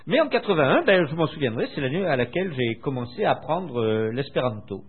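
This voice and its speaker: An older man from France tells his story in an interview with a lively, swinging intonation. His voice is a little husky, and he hesitates often with filler sounds. The sound is tinny and narrow, like a phone line. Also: fairly high pitch. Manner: hesitant, many filler pauses. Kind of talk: recounting memories in conversation.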